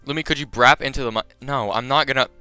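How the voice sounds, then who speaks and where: This young man talks fast in a clear, resonant, medium-pitched voice while reading a visual novel on a live stream. Soft music plays, there's no echo, and he jokes animatedly with his chat between lines.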